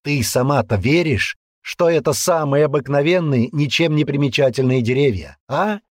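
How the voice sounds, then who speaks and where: A man voicing a hot-tempered, brutish young man who rants and yells threats in an audiobook. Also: on the high side, moderate pace, no echo, clean studio sound, voice pushed up, natural voice. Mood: ranting. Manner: aggressive ranting, yelling threats. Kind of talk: audiobook character voice.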